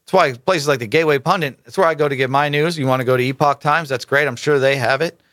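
Male commentary host, mid-pitched, emphatic and rhetorical, dry close recording. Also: fast, fairly bright tone, no echo. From United States. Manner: emphatic, rhetorical asides, stumbles over names. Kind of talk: casual political commentary, reading articles aloud.

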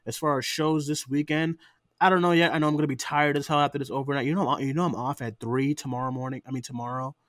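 Male podcast host, late-night chat, tired and ranting, mid pitch, dry sound. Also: fast, no echo. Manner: ranting, animated, swears freely.

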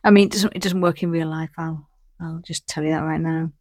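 A woman's voice: deep voice, steady tone, fairly quick, darkish tone, no echo. A woman co-hosting a podcast in casual chat, teasing and exasperated as she plays a quiz. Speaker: podcast co-host.

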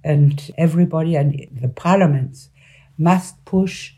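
Halting woman with a German accent. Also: deep voice, warm tone, breathy edge. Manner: halting, searching for words in a second language. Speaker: former member of parliament, interview guest. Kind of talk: interview answers on politics.

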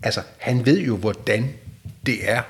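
Man, podcast host, calm, probing questions, summarizing. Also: medium pitch. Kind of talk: interview questions.

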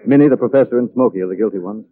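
An actor playing a confident, composed gentleman detective in a 1940s radio drama. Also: medium pitch, racing, no echo, lightly acted. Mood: composed, explanatory. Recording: tinny old radio recording.

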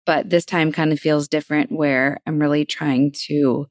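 A woman's voice: low voice, steady tone, normal speed, no echo, studio quality. A middle-aged woman co-hosting a podcast, talking in a rambling, reflective way with many fillers. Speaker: podcast co-host. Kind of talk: casual chat.

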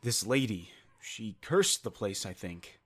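A man's voice: on the low side, big pitch swings, measured pace. An actor playing a caller, a young movie theater worker, telling his story plainly and a bit hesitantly. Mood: earnest. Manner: plain, matter-of-fact, hesitant.

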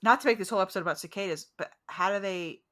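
A woman co-hosting a podcast in casual chat over a video call, excitable, joking and quick to laugh. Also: medium pitch. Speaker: podcast co-host.

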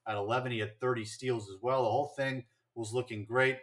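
A man's voice: mid-range voice, fairly even intonation, a little fast, a bit bright. A man co-hosting a casual sports podcast, chatting and rattling off statistics with fillers and restarts. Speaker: podcast co-host.

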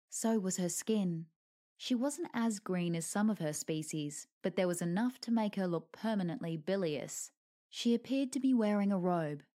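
A woman's voice: lowish voice, mellow. A woman reading a lighthearted fantasy story aloud with a dry, wry delivery. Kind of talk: storybook narration.

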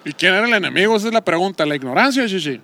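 A man joking around as co-host of a casual podcast. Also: sits high. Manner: quick, joking, animated.

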